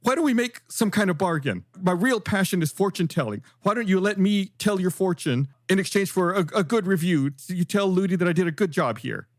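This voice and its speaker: A man voicing a weepy young male bed-warmer for hire who talks high and pleads between sobs. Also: lively intonation, fairly quick, few pauses, no echo, clean studio sound. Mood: pleading.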